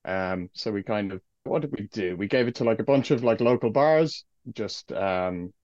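A man with a west of Ireland accent speaks in a fairly low voice, chatting like a band member being interviewed. He is easygoing and jokey. The sound is dry and a little dull. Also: animated, normal speed, a little mellow, dry recording. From County Clare, west of Ireland. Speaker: guest, guitarist and vocalist in a metal band. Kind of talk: casual podcast interview chat.

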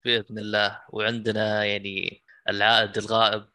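Saudi guy hosting a casual podcast, talks fast, bright crisp-edged voice. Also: lowish voice, monotone, no echo. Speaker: podcast host.

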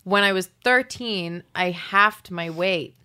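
A woman's voice: lowish voice, slow pace, bright, forceful tone, smooth. A young woman from Hong Kong, a guest chatting casually on a podcast, laughing easily and trailing off mid-sentence. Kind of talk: casual chat.

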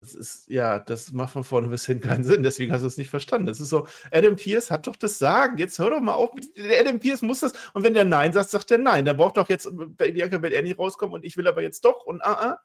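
Gravelly guy ranting on a wrestling chat, higher voice. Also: lively intonation, fast, hardly any pauses. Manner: exasperated, ranting. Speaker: wrestling review co-host. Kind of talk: casual review chat.

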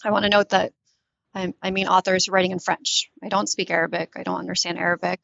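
A woman's voice: lowish voice, flat delivery, quick pace, gravelly, a bit bright, no echo. A woman, a literary translator speaking thoughtfully in an interview, often restarting to find the right words. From born in Tunisia, raised in the US. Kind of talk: reflective interview talk. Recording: dull lo-fi dry recording.

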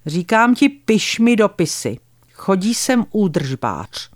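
A woman's voice: big pitch swings, dry recording, clean studio sound. Woman putting on a blunt, scornful old great-aunt. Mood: confiding. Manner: blunt, contemptuous, confiding in low tones.

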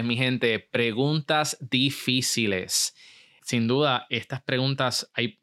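Energetic male podcast host. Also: mid-range voice. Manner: energetic, mixes English words into Spanish. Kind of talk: motivational podcast monologue.

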